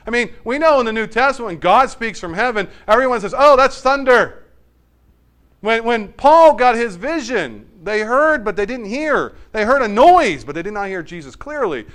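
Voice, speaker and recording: A man preaching a sermon, retelling a story and acting out the characters' lines, swinging between loud and quiet. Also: high-pitched, sing-song, moderate pace, few pauses.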